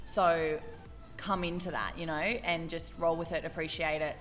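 Bright-voiced young woman chatting. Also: low-pitched, fairly even intonation, moderate pace, faint music behind. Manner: chatty, laughs often, rambling. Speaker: podcast co-host. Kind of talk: casual chat.

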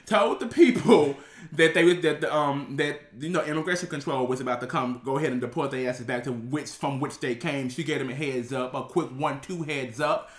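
A man's voice: medium pitch, brisk. Man, 30s, from Memphis. Blunt, sassy podcast co-host, roomy echo. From Memphis, USA. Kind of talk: casual chat. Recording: echoey room.

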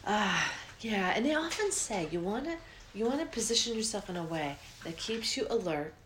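A woman's voice: medium pitch, very animated, moderate pace, fairly bright tone, a little hiss or hum. A woman talking casually and earnestly as she introduces a meditation, with emphatic phrasing. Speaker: meditation guide.

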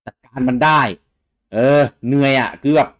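A young man co-hosting a casual gaming news talk show, getting animated and loud when excited. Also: medium pitch, moderate pace. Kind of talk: casual chat.

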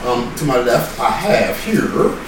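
A man's voice: mid-range voice, sing-song, takes it slowly. A man hosting a podcast in rambling stoner fashion with casual street slang. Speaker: podcast host. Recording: echoey, noisy room, distant from mic.

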